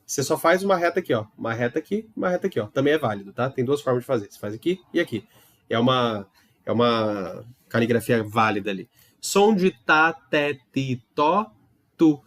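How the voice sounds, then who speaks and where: A man's voice: mid-range voice, lively intonation, fairly quick, a bit bright. A man teaching a recorded Hebrew lesson, explaining patiently, demonstrating sounds and checking in with his students often. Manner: explains patiently with many tag questions and demonstrations.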